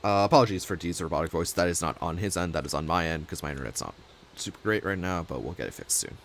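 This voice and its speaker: Deep-voiced man casting a card game. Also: fast, slight background noise. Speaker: caster, host. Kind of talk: casual game commentary.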